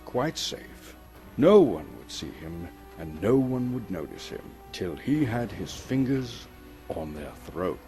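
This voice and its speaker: Reading as narrator, a Canadian actor gives a storybook a theatrical, suspenseful treatment, lingering over key words. His voice is lowish and a little mellow.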